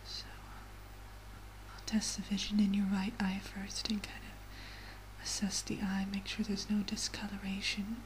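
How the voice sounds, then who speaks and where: A woman in a soft, breathy whispered role-play as a medical examiner, giving gentle, reassuring instructions. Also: medium pitch, monotone, a little slow, poor audio. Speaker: ASMR performer playing a medical examiner. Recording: clearly audible background noise.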